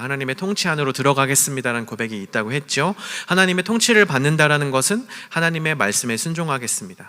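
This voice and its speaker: A man preaching a sermon to a youth group, telling stories and acting out the lines he quotes. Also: medium pitch. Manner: storytelling, acts out quoted lines with shouts and whispers. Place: church hall. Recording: long church hall reverb.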